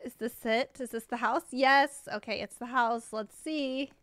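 A young woman live-streaming a game, gushing with excited exclamations as she chats to her viewers. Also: on the high side, a little slow, dry recording. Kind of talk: live gameplay stream chat.

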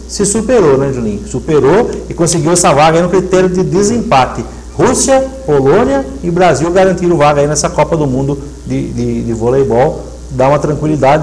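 A man's voice: on the high side, a little hiss or hum, rough recording. A middle-aged man hosting a sports show, chatting and reading match results steadily. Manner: steady, reads lists of results. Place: TV studio set. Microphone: lapel mic.

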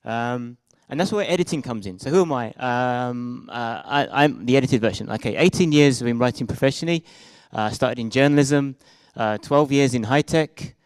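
This conference speaker is a young British-accented man from Britain and Israel, presenting live at a meetup with slides projected behind him. Holding a microphone, he stumbles through fillers and restarts in a medium-pitched, clear, resonant voice at a moderate pace. The audio is poor but carries no echo.

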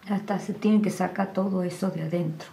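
A woman's voice: lowish voice, fairly even intonation, a little fast, gravelly, warm tone. A woman who listens in a conversation, murmuring sympathetic replies. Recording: roomy, echoey sound.

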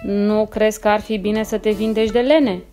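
A woman's voice: mid-range voice, steady tone, warm tone, soft background music, natural voice. A woman voicing a sly, scheming female neighbor cat in a children's storybook. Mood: coaxing.

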